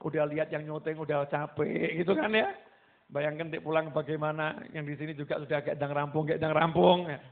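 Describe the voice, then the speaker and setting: A man with a Javanese accent preaches to a gathering, lively and animated, acting out the voices in his stories. His voice sits high for a man. The recording is narrow and tinny, like a phone line. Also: brisk. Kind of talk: sermon.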